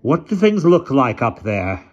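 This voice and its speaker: A man voicing a very old, imperious aunt who speaks crisply and deliberately, on a dull lo-fi recording. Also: medium pitch, very animated, darkish tone, pitched above the performer's own voice. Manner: crisp, commanding, slow and deliberate.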